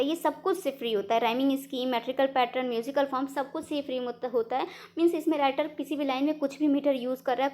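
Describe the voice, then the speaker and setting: A young woman with an Indian accent gives an exam-prep lesson in a high, light voice. She explains patiently, often pausing to ask her listeners a rhetorical question. She reads the English definitions slowly and deliberately. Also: a little mellow. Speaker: teacher.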